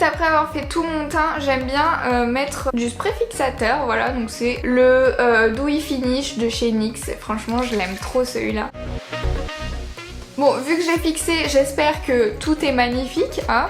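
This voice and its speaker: A young woman chatting casually through a makeup challenge, unsure of herself and poking fun at her own attempts. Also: high-pitched. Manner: chatty, unsure, self-mocking. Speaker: beauty vlogger. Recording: echoey room with faint music.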